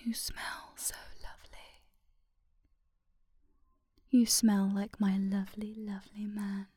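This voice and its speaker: Slow breathy whispering woman. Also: mid-range voice, flat delivery, no room sound, clean studio sound. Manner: soft affectionate whispering; slow and soothing, sleepy. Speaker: ASMR roleplay creator. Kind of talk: ASMR girlfriend roleplay.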